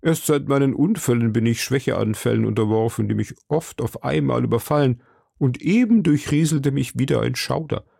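A man's voice: mid-range voice, expressive, moderate pace, vocal fry, mellow, husky, no echo, studio quality, heavily acted. A man reading an audiobook who voices a timid, fretful middle-aged shopkeeper with a nervous, fawning manner. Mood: anxious. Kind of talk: audiobook character voice.

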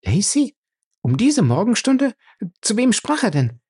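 A man reading a storybook voicing a sharp-witted young woman who argues fast and incredulously. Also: lowish voice, big pitch swings, creaky, husky, voice pushed up, exaggerated voice. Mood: alarmed. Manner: quick, incredulous, argumentative.

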